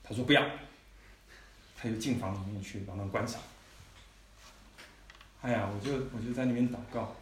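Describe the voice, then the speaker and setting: A man's voice: lowish voice, steady tone, fairly quick, pauses often, darkish tone. Guy preaching a testimony, chatty storyteller, sounds far off the mic in a roomy hall. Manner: conversational storytelling, frequent "you know" asides. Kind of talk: sermon testimony. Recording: echoey hall, mic at a distance, faint noise.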